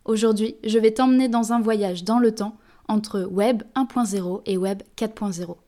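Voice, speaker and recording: A woman's voice: mid-range voice, steady tone, normal speed, dark tone. A young woman hosting a podcast, talking to the listener in a friendly, casual scripted way. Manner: friendly, addresses listener directly. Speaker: podcast host.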